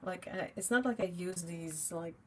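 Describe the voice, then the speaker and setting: Heavy noise surrounds this young woman's lowish voice, which moves at a moderate pace. A native French speaker with a French Canadian accent, she paints on a livestream while casually chatting with viewers, reading their messages aloud and laughing frequently.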